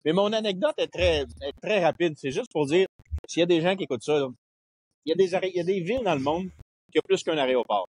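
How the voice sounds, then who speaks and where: A man's voice: fairly high pitch, fast, slight background noise. A man with a Québécois French accent telling travel anecdotes in a casual chat, acting out bits of dialogue. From Quebec. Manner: animated storyteller, acts out dialogue. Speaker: podcast guest.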